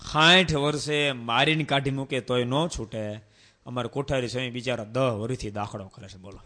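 A man delivers a sermon as a monk, weaving folk stories in between. He speaks in a bright, forceful voice, animated and full of exclamations. He keeps turning to his listeners with rhetorical questions. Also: mid-range voice, moderate pace. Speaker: monk preacher.

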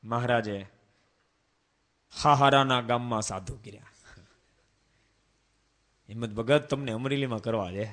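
Bright-voiced man preaching a devotional sermon. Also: mid-range voice. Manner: rhetorical questions to audience, slow chanted verse refrains.

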